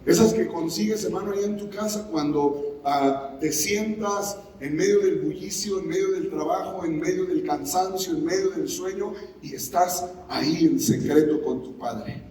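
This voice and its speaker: Echoing preacher in a church hall. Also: male voice, sits high, normal speed, few pauses, a little mellow, slight background noise. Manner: call-and-response preaching, acting out scripture. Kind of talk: sermon. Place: church sanctuary. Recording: very echoey hall, mic far off.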